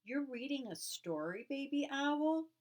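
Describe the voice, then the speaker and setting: A woman voicing a tiny, eager young male chick who speaks high and bright. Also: lively intonation, takes it slowly, exaggerated voice.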